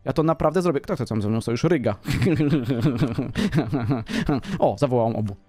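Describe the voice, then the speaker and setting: A man's voice: mid-range voice, lively intonation, racing, warm tone. A man commenting casually on his own strategy game play, boastful and playful, talking straight to his viewers. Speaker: gaming commentator.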